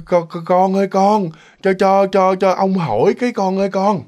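A man's voice: sits high, a little mellow, lightly acted. A man voicing a frail, confused old man's ghost who speaks in a weak, faltering voice and stammers over his words. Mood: lost, bewildered. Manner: stammering, repeats words, slow and wandering.

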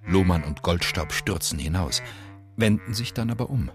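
Low creaky guy doing scripted film narration, faint music behind. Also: lively intonation, normal speed. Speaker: audio description narrator.

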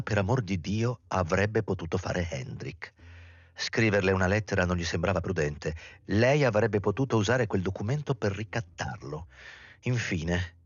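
A man reading a novel aloud in a measured, dramatic storytelling manner with a husky voice. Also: low-pitched, dry recording, lo-fi sound. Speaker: reader. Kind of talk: literary audiobook reading.

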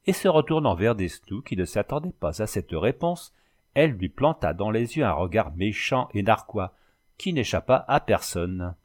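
A man's voice: lowish voice, normal speed. A man narrating a story aloud as an audiobook, with dramatic delivery. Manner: expressive, dramatic. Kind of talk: audiobook reading.

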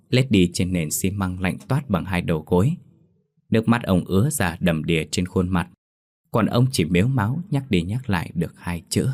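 A man tells a horror story in a slow, solemn reading. His voice sits very low and stays even. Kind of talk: scripted horror story narration.

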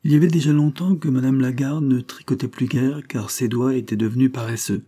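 A man reading a classic novel aloud as an audiobook narrator, in measured, steady storytelling. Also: mid-range voice. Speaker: audiobook reader. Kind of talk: literary narration.

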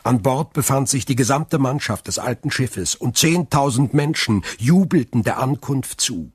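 A man narrating a classic novel in a measured, storytelling way on a close microphone. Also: medium pitch, animated, husky, no room sound. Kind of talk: scripted audiobook narration.

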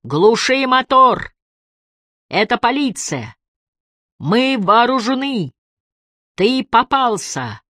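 A woman's voice: a bass voice, expressive, slow pace, a bit bright, breathy edge, no room sound, studio quality, pitched below the performer's own voice, heavily acted. A woman reading an audiobook voices a ruthless woman police chief who barks orders through a megaphone. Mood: shouting orders. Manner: barking commands through a megaphone. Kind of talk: audiobook character voice.

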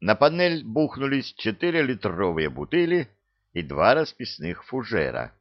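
A man narrating a story in a measured, expressive way. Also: medium pitch, dull audio. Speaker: audiobook narrator.

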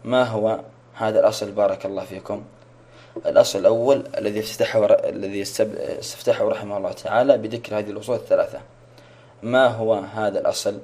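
A man's voice: fairly low pitch, steady tone, fast, mellow. A man teaching a religious lesson online, asking questions, repeating them and praising his students' answers.

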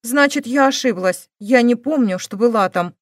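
A woman's voice: a little high, normal speed, no room sound, studio quality, natural voice. A woman voicing a sullen, defiant young woman who answers questioning with curt, stubborn denials.

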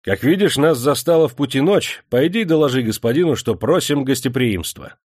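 A man's voice: mid-range voice, lively intonation, normal speed, no room sound, clean studio sound, pitched above the performer's own voice, close to an everyday voice. A man voicing an imperious wealthy nobleman who speaks in a commanding tone. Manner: commanding, authoritative.

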